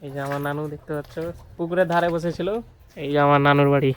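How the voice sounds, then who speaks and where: A man's voice: on the high side, level tone, fast, a little hiss or hum. A chatty young man, vlogging casually around a village and market on a handheld phone, often calling out to his viewers. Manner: chatty, keeps addressing viewers. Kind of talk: casual walk-and-talk vlog. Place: village home and outdoor market stalls.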